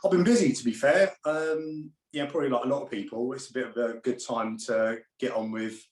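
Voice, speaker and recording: A man as an interview guest on a video call, telling animated anecdotes and laughing often. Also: medium pitch, a little fast. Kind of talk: casual interview chat. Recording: roomy echo.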